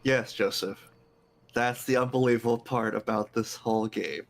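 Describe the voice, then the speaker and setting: A man with a medium-pitched voice talks over gameplay. He speaks casually, as a co-commentator in an informal chat. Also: fairly even intonation, normal speed, gravelly, slight background noise. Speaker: gaming co-commentator.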